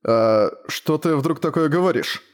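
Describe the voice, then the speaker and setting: A man's voice: fairly high pitch, expressive, unhurried. A man voicing a flustered young male adventurer in a fantasy audiobook, asking agitated, pleading questions.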